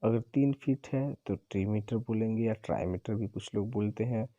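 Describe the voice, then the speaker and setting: A man teaching an exam-prep lesson, explaining slowly and repeating himself as he corrects his own slips. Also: on the low side, dark tone, dry recording, muffled recording. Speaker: English teacher.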